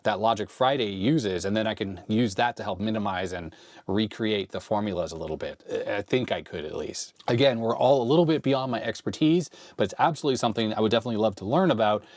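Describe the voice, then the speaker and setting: Talking fast in a somewhat low, slightly mellow voice, a man hosts a casual retro computing vlog, explaining what's on screen while thinking aloud and hesitantly questioning himself. He's a little sick and his voice is giving out; there's no echo.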